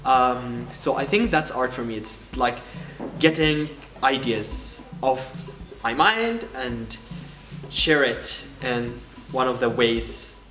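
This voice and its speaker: A man's voice: medium pitch, animated, slow. A man from Cairo, Egypt, answering interview questions thoughtfully, with frequent ums and restarts. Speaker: guest artist. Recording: echoey room with loud background music.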